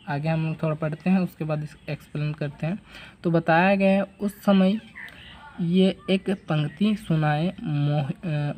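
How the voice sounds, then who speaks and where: A man teaching a literature lesson, explaining slowly in a halting, repetitive way full of fillers. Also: high voice, warm tone. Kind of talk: classroom lesson explaining a text.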